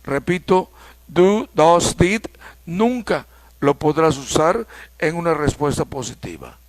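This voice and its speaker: A man from Mexico teaching an English grammar lesson, explaining slowly and repeating key points. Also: on the high side, expressive, no room sound.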